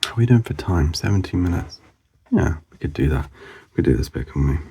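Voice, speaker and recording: A man's voice: deep voice, lively intonation, brisk, creaky, warm tone, husky. A man hosting a drawing channel, mumbling casual commentary to himself as he sketches, rambling with lots of fillers.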